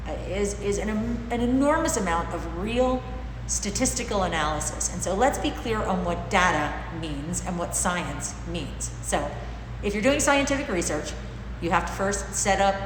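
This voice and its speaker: A middle-aged woman teaching informally to camera, slightly muffled through a face mask, explaining things in a deliberate, emphatic way. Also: on the low side. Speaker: dog trainer and class host. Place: large bare indoor training room with concrete-like floor. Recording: echoey hard-walled room, clear background noise.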